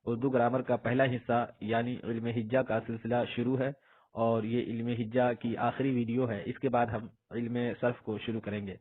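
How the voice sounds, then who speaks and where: A man teaching an Urdu grammar lesson. He asks a question, answers it himself, and says each example word slowly and more than once. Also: medium pitch, little pitch movement. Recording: husky voice on tinny phone-like audio.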